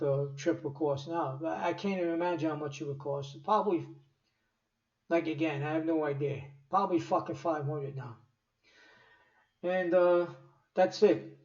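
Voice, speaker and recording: An older man tells a long story, his voice sitting a little high. He swears constantly and wanders with lots of fillers. He sounds distant in an echoey room on a dull home recording. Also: a little mellow. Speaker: storyteller vlogger. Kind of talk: casual rambling storytelling.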